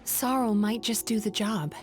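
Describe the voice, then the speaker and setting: A woman voicing a calm, resolute young nightmare eater in a video game, speaking in an earnest, explanatory way. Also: medium pitch, normal speed, natural voice. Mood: solemn, explaining. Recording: game music behind.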